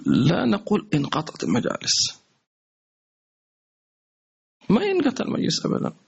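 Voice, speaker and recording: Raspy high-voiced man teaching a sermon. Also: moderate pace. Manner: conversational, animated, repeats words for emphasis. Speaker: religious teacher. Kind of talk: sermon-style lesson answering questions. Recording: dull lo-fi stream audio.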